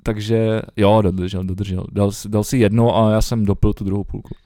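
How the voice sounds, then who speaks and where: Clean, dry studio audio carries this young podcast co-host's lowish, warm voice, which barely moves in pitch. He's on a remote call having a casual chat, full of fillers and frequent cursing.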